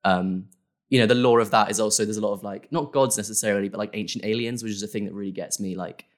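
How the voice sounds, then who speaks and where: Low-voiced young man, rambling. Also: steady tone, quick pace. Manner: rambling, many fillers and self-corrections. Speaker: guest creator. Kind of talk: casual interview.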